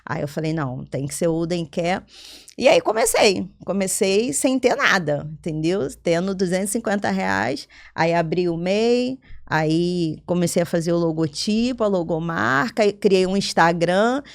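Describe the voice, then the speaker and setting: A businesswoman being interviewed, telling her story in a lively, conversational way, often acting out her own quoted lines and asking "entendeu?". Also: lowish voice, normal speed, creaky. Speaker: interview guest, business owner.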